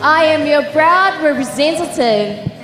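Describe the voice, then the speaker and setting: A young woman from Samoa introduces herself on a pageant stage, high-pitched and unhurried, her words proud and formal. Her voice rings through a big reverberant gym, with music playing behind her. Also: animated. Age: 20s. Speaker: pageant contestant. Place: large indoor sports gym. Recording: echoey hall with music. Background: background music.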